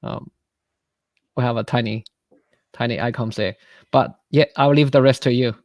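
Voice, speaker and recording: Male host, mid-pitch, halting and eager, dry close sound on a video call. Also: fairly even intonation, a little mellow, dry recording. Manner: halting, many fillers and restarts, enthusiastic praise. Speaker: webinar host. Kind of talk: casual webinar hosting.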